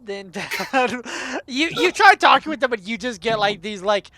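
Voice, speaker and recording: A woman's voice: fairly high pitch, animated, measured pace, pushed and bright. A woman narrating as dungeon master, chatty and loose, with frequent laughs and fillers. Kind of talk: narrating a tabletop game.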